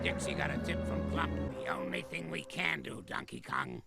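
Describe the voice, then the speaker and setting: A grouchy old ape from a cartoon, barking sarcastic insults at everyone around him. His voice is gravelly and full of creak, and it leaps all over the place in pitch. Music plays loudly behind him. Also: huge pitch swings, normal speed, heavily acted. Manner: scolding, sarcastic, barks insults. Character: grumpy old male ape, cranky elder. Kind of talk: cartoon voice acting.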